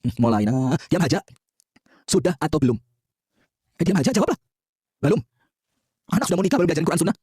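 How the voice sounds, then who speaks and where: A man preaching a lively, joking sermon, quizzing the audience and having them call back answers. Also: high voice, quick pace, pauses often, slightly rough, no echo, studio quality.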